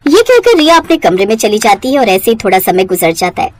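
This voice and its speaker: A woman narrating a family storybook cartoon in an expressive, scripted way. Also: mid-range voice, a little fast.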